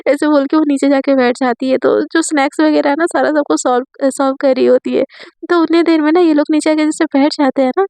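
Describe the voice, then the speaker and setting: Chatty high-pitched woman telling a story. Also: fairly even intonation, brisk, darkish tone, no room sound. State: dry throat from fasting. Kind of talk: casual story narration.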